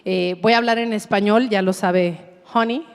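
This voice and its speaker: A woman's voice: mid-range voice, steady tone, moderate pace, clear, resonant tone. Enthusiastic Mexican woman moderator, hall echo. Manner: enthusiastic, chatty with many fillers. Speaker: panel moderator. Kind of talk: live panel moderation. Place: large hall on stage. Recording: long reverb of a large hall.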